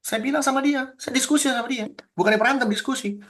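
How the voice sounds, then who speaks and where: A male pastor with a high voice leads a teaching discussion over a video call. He speaks emphatically, with indignant outbursts, and acts out quoted back-and-forth exchanges. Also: fast talker, a bit bright.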